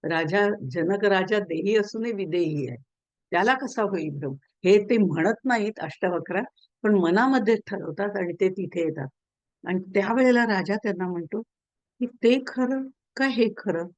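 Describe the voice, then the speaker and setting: A woman's voice: mid-range voice, normal speed, no room sound. Brief: woman giving a religious discourse, storytelling, dry lo-fi recording. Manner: storytelling, acting out quoted voices. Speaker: spiritual discourse speaker. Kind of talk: religious text exposition.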